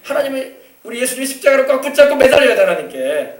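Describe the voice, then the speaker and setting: High-voiced man preaching in an echoey church. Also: big pitch swings, fast talker, distant mic. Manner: emphatic preaching, rising to shouts, acting out quoted voices. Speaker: pastor. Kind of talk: sermon. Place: church sanctuary.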